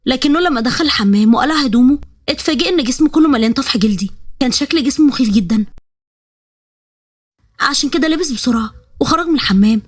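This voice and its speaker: A woman with an Egyptian accent narrating a story in a brisk, matter-of-fact way. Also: sits high, lively intonation, no room sound, clean studio sound. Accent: Egyptian Arabic.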